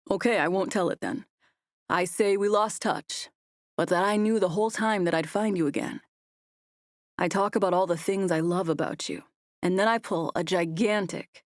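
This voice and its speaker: A woman voicing a tender, playful young man in love, speaking gently and earnestly. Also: on the low side, a little slow, no room sound, clean studio sound, close to an everyday voice.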